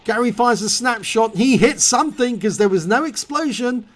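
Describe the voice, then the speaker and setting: Still hoarse after a cold, a man with an extremely high pitch speaks at normal speed as he calmly walks through and calls the play of a video game replay.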